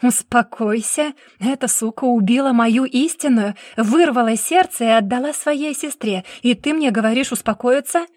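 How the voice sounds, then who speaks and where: A woman narrator voices a grief-maddened man roaring accusations, loud and hurling his words. Her voice stays fairly high, and the sound is dry. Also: moderate pace, few pauses, no room sound, close to an everyday voice. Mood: furious. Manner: furious outbursts. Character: enraged grieving man, roaring with fury.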